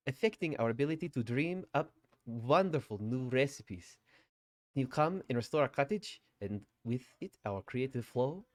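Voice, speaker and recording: A man voicing a proud sibling confectioner from the woods in a put-on German accent, reading game dialogue in a theatrical, drawn-out way. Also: a little high, lively intonation, a little mellow, dry recording, voice pushed up, lightly acted. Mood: grandly earnest. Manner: theatrical, drawn-out storybook delivery.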